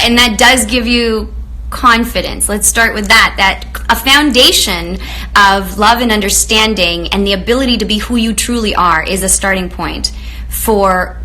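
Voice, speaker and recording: The audio is poor, with a little hiss or hum, as a Romanian woman speaks at a medium pitch. She hosts a live online show, chatting effusively with viewers, greeting them warmly and using lots of fillers.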